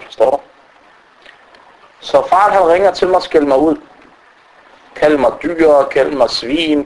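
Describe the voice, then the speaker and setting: A man's voice: a little high, low-quality recording. A man giving an informal religious talk, telling stories and acting out the voices of the people he quotes. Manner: animated, acts out quoted speech. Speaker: Islamic preacher.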